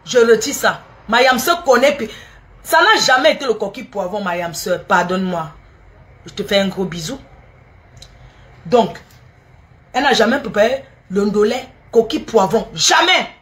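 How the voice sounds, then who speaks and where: A woman's voice: medium pitch, animated, moderate pace, long pauses, a bit bright. A middle-aged woman talks viewers through a recipe in a casual cooking video, repeating each step and teasing and scolding as she goes. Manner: repetitive, teasing and scolding, addresses viewers directly. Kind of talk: casual spoken recipe demonstration.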